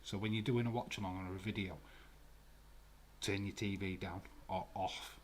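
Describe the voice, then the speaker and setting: This Glasgow-accented Scot speaks in a low, steady voice at a moderate pace, with a little hiss or hum underneath. He's hosting a watch-along stream from home, talking loosely with viewers and using lots of fillers.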